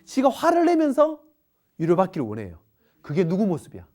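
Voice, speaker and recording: Woman parenting educator, middle-aged, lively rhetorical lecture delivery. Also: medium pitch, a little fast, soft background music. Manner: animated, talks to audience with rhetorical questions.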